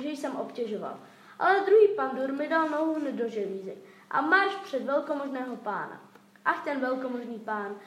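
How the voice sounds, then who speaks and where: A woman voicing a beaten, frightened male robber in a fairy-tale reading, retelling his story emphatically. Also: sits high. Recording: echoey room, faint noise.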